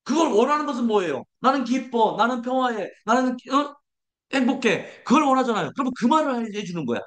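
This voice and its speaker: A pastor delivers a sermon in a notably high voice. He pairs rhetorical questions with their own answers and leads the congregation in repeating declarations. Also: big pitch swings, a little fast, fairly bright tone.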